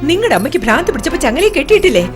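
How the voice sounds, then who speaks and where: A woman's voice: high voice, sing-song, racing, over music. An actress dubbing an indignant middle-aged wife who confronts her husband in a cutting, defiant voice. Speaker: wife and mother. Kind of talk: dubbed film acting.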